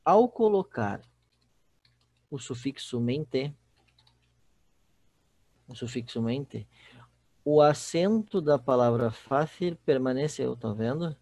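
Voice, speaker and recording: A man's voice: mid-range voice, expressive, takes it slowly, long pauses, warm tone, dry recording. Brazilian portuguese guy teaching online, keeps checking in w the class, dry no-room sound. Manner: explanatory, often checks in with the class. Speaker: Spanish teacher. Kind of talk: recorded online class lecture.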